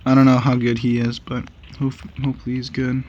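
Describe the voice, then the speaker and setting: A man giving casual, excitable commentary while playing a game with a friend, laughing and trash-talking his opponent. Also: medium pitch, a little fast, highs cut off. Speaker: gaming channel host.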